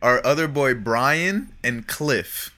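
A man's voice: medium pitch, expressive, slow, bright, forceful tone. A man telling profane stories to friends in casual chat, laughing often. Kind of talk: casual storytelling among friends.

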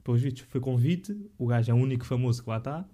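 In a casual podcast chat, a young man speaks European Portuguese quickly and loosely, using slang, hesitating, and restarting his sentences. His voice is mid-pitched and extremely dark and mellow.

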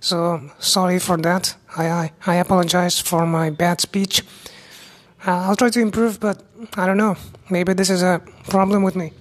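A young woman from India with an Indian accent, a newly qualified doctor hosting her own medical podcast, talking alone in a halting way with many restarts and speech that is not very clear. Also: fairly low pitch, flat delivery. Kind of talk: solo medical podcast talk.

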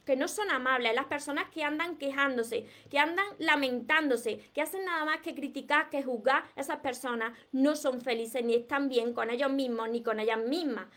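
A woman's voice: sits high, moderate pace, few pauses, fairly bright tone. A woman from Córdoba with an Andalusian Spanish accent, giving earnest, repetitive dating advice on a live stream. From Córdoba, southern Spain. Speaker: dating and self-esteem coach. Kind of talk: live-streamed motivational talk.

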